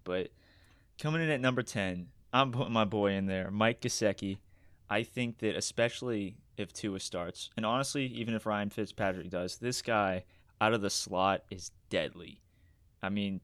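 Casting: male podcast co-host, low smooth voice, informal top ten sports countdown with opinionated picks. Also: dry recording, clean studio sound. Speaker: fantasy football podcast co-host.

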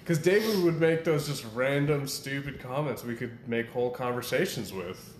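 A man's voice: mid-range voice, normal speed. A young man chatting casually as a podcast co-host, rambling through stories and laughing often. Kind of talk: casual chat. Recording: echoey room with faint ambient noise.

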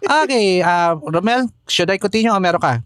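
A man's voice: sits high, expressive, normal speed, fairly bright tone, dry recording, clean studio sound. A man hosting a casual podcast chat in a playful manner. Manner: playful, laughs while talking. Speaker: host.

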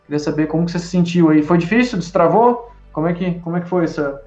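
A man whose first language is Portuguese leads an English lesson, slightly high in pitch and full of encouragement as he drills phrases. The sound is a bit dull and roomy, with faint music underneath. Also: fast talker, darkish tone. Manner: encouraging, repeats drills, praises often. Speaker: English teacher.

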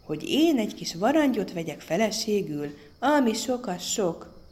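A woman's voice: mid-range voice, big pitch swings, a little mellow, lightly acted. A woman voicing an impatient young prince in a fairy tale. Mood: scornful.

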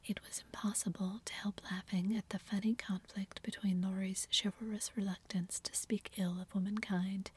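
Woman narrator, airy whispered storybook reading, steady and flat. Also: mid-range voice, slightly rough. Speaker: reader.

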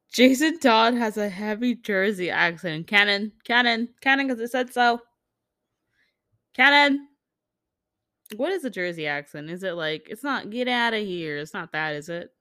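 A woman's voice: fairly low pitch, fairly bright tone, no echo, clean studio sound. A woman hosting a podcast, reading fan comments in a loose, casual chat, swearing freely and laughing often. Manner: acts out quoted characters in jumped-up voices. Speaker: podcast host.

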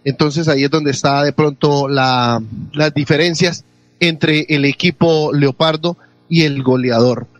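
A man hosting a sports radio show, reading club news in a steady way with frequent "eh" fillers. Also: fairly high pitch, a little slow, no echo.

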